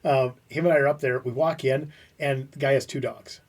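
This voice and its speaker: A man co-hosting a podcast, telling lively stories in a casual chat. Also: mid-range voice, brisk, recorded from a distance. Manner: animated storyteller who acts out quotes.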